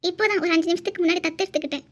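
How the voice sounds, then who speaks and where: A woman's voice: extremely high pitch, very fast. A woman voicing a cheerful, stubborn young woman in love in a cartoon, speaking playfully. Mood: teasing. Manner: playful, teasing. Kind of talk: cartoon voice acting.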